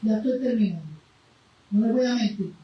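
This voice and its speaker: A woman preacher delivering an impassioned sermon, moving between loud, fervent cries and quiet, low passages, recorded from a distance in a church. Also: a little fast, dull audio. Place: church sanctuary. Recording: very echoey room, voice from afar, faint noise.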